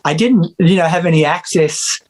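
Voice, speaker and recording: A middle-aged man with an Australian accent talks through a video-call interview. His voice sits a little higher than usual for a man. He rambles easily, pausing on "uh" and reshaping sentences as he goes. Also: rough recording. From Australia (Victoria). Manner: relaxed, rambling with many fillers and restarts. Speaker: musician and music teacher, guest. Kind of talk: casual interview chat.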